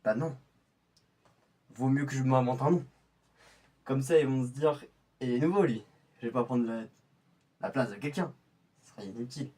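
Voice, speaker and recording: Speaking in a natural, mellow, mid-range voice, a man plays an undercover infiltrator who mutters his plans to himself in a scripted monologue. He sounds pensive as he thinks aloud at a normal speed with long pauses, and the recording is distant.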